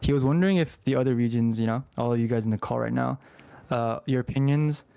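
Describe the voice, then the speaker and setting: A man's voice: medium pitch, fast, vocal fry, dark tone, clean tone, no room sound. A man chatting casually in a group call, relaying questions as a panelist.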